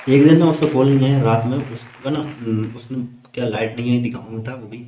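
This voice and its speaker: A man's voice: medium pitch, steady tone, brisk, dark tone, echoey room, some chatter behind, a little hiss or hum. Amused man telling a comic story. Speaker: stand-up comedian. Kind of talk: storytelling stand-up.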